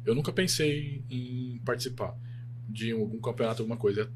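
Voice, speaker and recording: A man's voice: mid-range voice, moderate pace, noisy background. A man, hosting casual podcast chat and agreeably repeating his guest's words back. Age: 40s.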